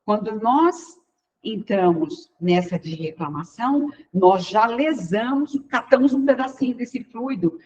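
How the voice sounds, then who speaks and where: A woman with a Brazilian Portuguese accent gives a relaxed spiritual lecture, speaking directly to her listeners. She slips into bits of acted dialogue. The recording is slightly dull and lo-fi. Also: mid-range voice. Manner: chatty, acts out everyday dialogue and addresses the audience directly.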